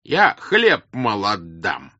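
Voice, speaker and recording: A man voicing a defiant crowd of male peasants, shouting loud, drawn-out, stubborn refusals. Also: on the low side, wildly swooping pitch, no echo, highs cut off, full character voice. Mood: angry.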